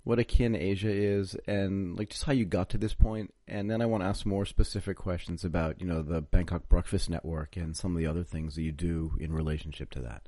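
A man hosts a podcast, easing his guest along with casual, teasing questions. His voice is very deep and mellow. The sound is dry and close, with no room around it. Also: fairly even intonation, brisk, few pauses, dry recording. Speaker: podcast host. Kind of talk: podcast interview.

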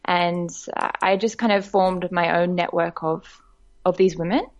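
The guest, an Australian director of a women's network, tells her story in a podcast interview, full of fillers and frequent laughter. Her voice is on the low side, steady and measured, and the recording sounds dull.

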